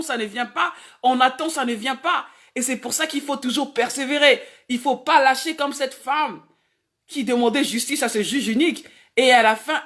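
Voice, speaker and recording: A woman's voice: fairly high pitch, a bit bright. A woman evangelist preaching a sermon, emphatic, repeating key phrases again and again.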